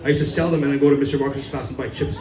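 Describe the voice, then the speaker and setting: A man's voice: mid-range voice, steady tone, rapid-fire, far from the mic. A man doing a loose, self-mocking stand-up set on a club stage, rambling and laughing at his own jokes. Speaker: stand-up comedian. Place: comedy club stage before a live crowd. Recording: roomy club audio from afar, crowd laughter.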